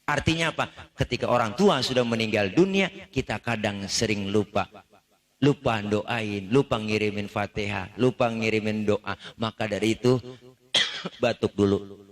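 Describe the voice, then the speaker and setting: A man with a Betawi accent giving a humorous sermon at a religious family gathering, telling lively stories and acting out scenes. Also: lowish voice, moderate pace. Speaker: Islamic preacher.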